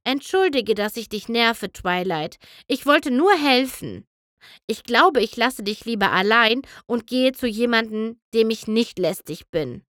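A woman voicing a bubbly, excitable young female pink pony in a storybook reading, raising her voice higher and louder. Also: a little slow, dry recording, clean studio sound. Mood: hurt. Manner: eager, chirpy, higher and louder than her narration.

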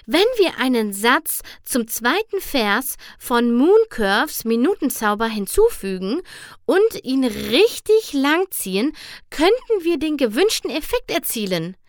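A woman voicing an eager, studious female pony who bursts with excitement over a new idea. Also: high voice, no room sound, clean studio sound, pitched above the performer's own voice, heavily acted. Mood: excited. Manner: bright, excited, quick when thrilled. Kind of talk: audiobook character voice.

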